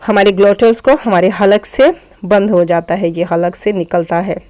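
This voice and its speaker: A woman teacher giving a phonetics lesson. She reads English lines slowly and deliberately, then explains them in quick conversational asides and demonstrates the sounds aloud. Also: mid-range voice, warm tone. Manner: demonstrates sounds aloud, addresses listeners as "janab".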